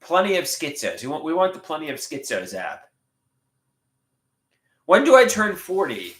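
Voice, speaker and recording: Reading viewer comments aloud and chatting casually, this livestream host in his late thirties has a stuffed nose and a slightly high, sing-song voice. His pace is moderate and his tone fairly bright. He often halts, repeats words, and restarts sentences, all in an echoey room.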